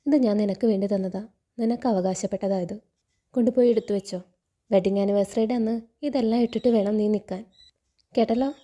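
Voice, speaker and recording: A kind but firm fatherly man, read plainly by a woman telling the story. The tone is calm and gently commanding. Her voice is dark and mellow. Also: mid-range voice, brisk, lightly acted.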